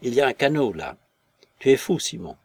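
A man reading the part of a gruff, suspicious male convict in an audiobook story. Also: medium pitch, very animated, fairly quick, a little mellow, no room sound, clean studio sound. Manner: growling, suspicious.

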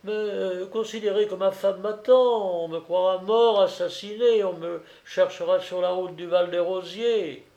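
A man's voice: lively intonation, normal speed, few pauses, a little mellow, echoey room, dull audio. A man putting on a fretful old grocer. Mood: pleading. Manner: pleading, indignant, raised pitch. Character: impetuous sixty-year-old male grocer, fretful. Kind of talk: audiobook character voice.

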